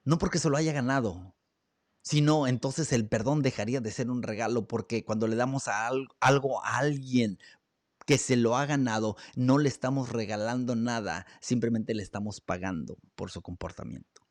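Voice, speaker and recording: A man hosting a reflective talk, earnest, asking rhetorical questions, with pauses and fillers, on a studio microphone. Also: mid-range voice, no room sound. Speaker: host. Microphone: studio broadcast mic.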